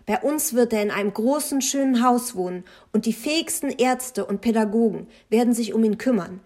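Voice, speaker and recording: A woman's voice: a little high, lively intonation, moderate pace, a little mellow. A woman voicing a haughty older grandmother who scolds indignantly in an audiobook.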